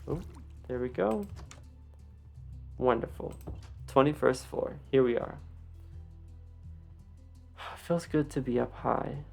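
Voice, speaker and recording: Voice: mid-range voice, takes it slowly, vocal fry, pauses often, a little mellow, soft background music. A video creator with a slight lisp from wearing retainers gives a casual, unscripted tour commentary with rambling, self-deprecating asides. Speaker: video creator giving a game build tour.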